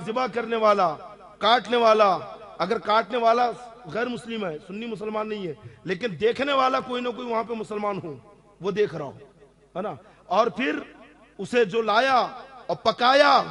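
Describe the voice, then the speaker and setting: A man's voice: sits high, a bit bright. A man, an Islamic scholar, answering audience questions on religious rules, stressing key points and often checking that listeners follow. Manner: emphatic, repeats key rulings.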